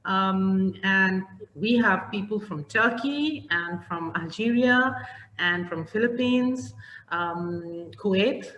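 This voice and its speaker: A woman's voice: medium pitch, slow pace, lo-fi sound. A woman from Pakistan, a company head, talking on an online webinar with lots of fillers and restarts. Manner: warm, with many fillers and restarts. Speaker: CEO of a training company, webinar panelist. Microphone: video call. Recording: echoey room, faint background noise.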